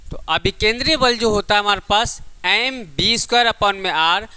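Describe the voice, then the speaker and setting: Here a man with a high, sharp voice lectures at a moderate pace, coaching physics students for exams through derivations. He asks questions only to answer them, repeats key points and calls the students "child" with affection. The sound is clean with no echo.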